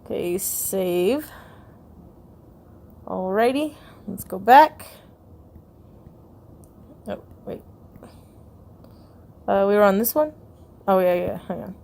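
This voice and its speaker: A woman giving casual, giggly commentary while browsing a video game's hidden files. She reacts out loud and stumbles as she reads. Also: mid-range voice, lively intonation, takes it slowly, creaky, pauses often. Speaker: video game YouTuber.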